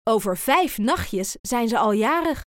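A woman's voice: on the high side, lively intonation, unhurried, no room sound, studio quality. A woman voicing a cheeky, grinning male monkey who teases his friend, in a children's storybook. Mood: teasing. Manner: teasing and good-humoured.

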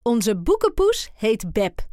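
Friendly bookshop lady from a kids' book, woman reading, slow and sing-songy. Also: on the high side, huge pitch swings, dry recording, clean studio sound, exaggerated voice. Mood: welcoming. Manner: warm, welcoming. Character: welcoming woman bookshop owner.

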